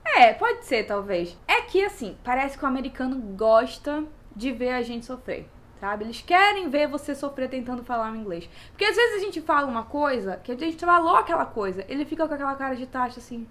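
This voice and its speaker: Brazilian woman, young, Brazilian Portuguese accent, expressive casual vlog host, high voice. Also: a little fast, hardly any pauses. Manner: chatty and expressive, keeps addressing viewers. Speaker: vlogger.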